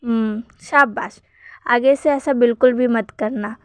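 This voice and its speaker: A woman voicing a gentle young husband and father who soothes his family in a read-aloud story. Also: a little high, steady tone, a little slow, no echo, natural voice. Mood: soothing.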